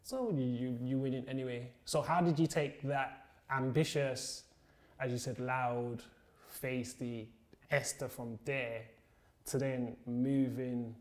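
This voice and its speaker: A man hosts a casual interview, asking questions in an encouraging, conversational way. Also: medium pitch. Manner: encouraging, frequent affirmations.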